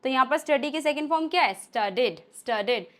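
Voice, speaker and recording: A woman with an Indian accent leads a spoken English lesson in a high, bright voice. She explains patiently, one step at a time, and slows right down to read out each example sentence. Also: animated. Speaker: English teacher.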